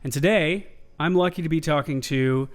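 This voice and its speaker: A young man hosting a casual interview while playing a video game, playful and quick to joke. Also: fairly high pitch. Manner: playful, giggly. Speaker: host.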